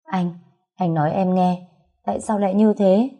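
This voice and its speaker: A woman's voice: medium pitch, fairly even intonation, moderate pace, warm tone, close to an everyday voice. A woman voicing a grief-stricken pregnant young woman who pleads through sobs. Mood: pleading. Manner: sobbing, pleading.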